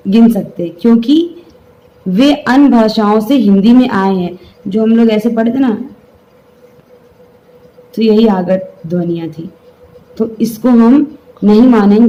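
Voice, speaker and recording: A woman's voice: mid-range voice, dark tone, highs cut off. A woman teaching a grammar lesson, explaining step by step and having the class say the sounds aloud.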